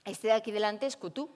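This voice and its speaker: A young woman tells a personal adventure in an interview. She is animated and voices her own thoughts out loud as she talks. Her voice rings with a long reverb, as if in a large hall. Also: medium pitch. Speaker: primatologist guest. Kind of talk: storytelling in an interview.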